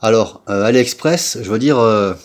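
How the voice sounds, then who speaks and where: A French scooter repair vlogger with a lowish voice walks viewers through a casual how-to at a moderate pace. He's chatty, blunt and slangy, speaking straight to the viewer and filling his talk with filler tags.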